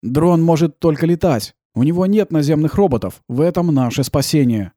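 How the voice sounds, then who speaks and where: A man voicing a calm, laconic male driver in an audiobook, answering slowly and flatly. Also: fairly high pitch, no echo, clean studio sound, pitched above the performer's own voice, lightly acted. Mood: steady warning. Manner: calm, slow, unhurried replies.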